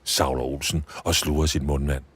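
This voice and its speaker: A man reading a Christmas story for children, with expressive storybook narration. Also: rumbling low, a little hiss or hum.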